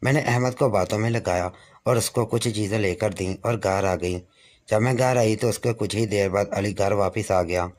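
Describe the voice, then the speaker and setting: A man narrating a first-person moral story in a steady, even way. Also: fairly low pitch, a little hiss or hum.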